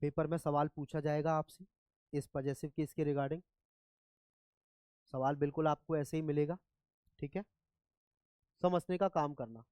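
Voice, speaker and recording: A man's voice: fairly high pitch, steady tone, a little slow, pauses often, a little mellow, dry recording. A man teaching English grammar in a classroom lecture, often checking whether students follow. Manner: asks students repeatedly if they follow.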